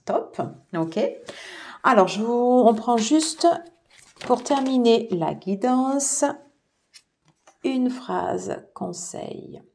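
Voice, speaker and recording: A woman giving a casual tarot reading to her viewers, soft-spoken and peppered with fillers like "voilà" and "alors". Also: a little high, lively intonation, drawn-out words, gravelly, pauses often. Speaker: tarot reader.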